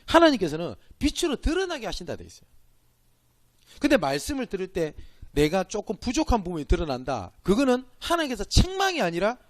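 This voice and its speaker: A man's voice: sits high, wildly swooping pitch, brisk, dry recording. A man with a Gyeongsang accent, a pastor giving a church training lecture, emphatic and asking and answering his own questions. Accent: Gyeongsang Korean. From Gyeongsang Province, Korea.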